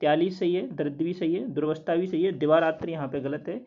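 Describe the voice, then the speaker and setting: A man working through quiz answers as a teacher, steadily repeating each word slowly to explain it. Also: on the high side. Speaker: Hindi test teacher. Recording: dull lo-fi recording.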